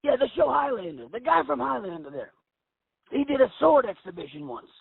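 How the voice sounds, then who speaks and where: A man with a very high, creaky voice rambles in a deadpan, meandering way. He is on a tinny phone line, telling anecdotes with crowd noise behind him. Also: a little fast, dry recording.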